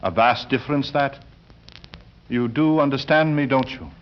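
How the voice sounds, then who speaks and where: An actor playing a fanatical, formal, preachy lodger in an old radio drama, speaking with ominous deliberation. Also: male voice, medium pitch, moderate pace, slight background noise, natural voice. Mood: fervent, preaching. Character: brooding, pious, fanatical male lodger, menacingly soft-spoken. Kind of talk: 1950s-era radio drama acting. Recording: muffled old radio recording, music behind.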